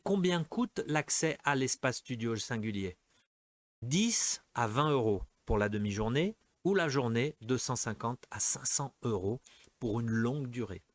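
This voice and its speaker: A man's voice: mid-range voice, no echo. A man teaching a French lesson, going through exercises patiently and often checking in with the students. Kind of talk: language lesson, correcting exercises.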